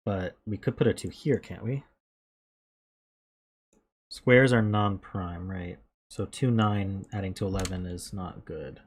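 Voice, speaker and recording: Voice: low-pitched, measured pace, pauses often, breathy edge. A streamer thinking aloud while working through a puzzle, musing in self-questions and correcting themself in casual commentary. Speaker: live streamer.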